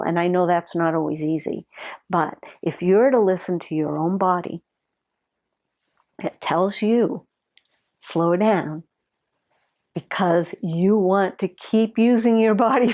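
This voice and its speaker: Slow, calm woman teaching body awareness. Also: fairly low pitch. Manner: slow, deliberate, gently demonstrative. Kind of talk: calm instructional talk with personal story.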